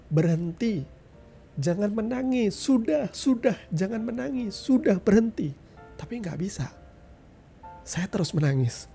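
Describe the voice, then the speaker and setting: A man's voice: fairly high pitch, creaky, mellow. A middle-aged man giving an earnest testimony sermon, speaking directly to his listeners as a preacher. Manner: earnest, addresses listeners as "saudara".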